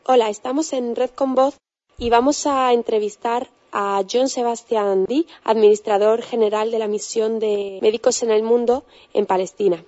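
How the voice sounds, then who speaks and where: A woman's voice: a little high, steady tone, normal speed, mellow, lo-fi sound. A woman hosting a radio interview, asking questions in a friendly, informal way with a few fillers.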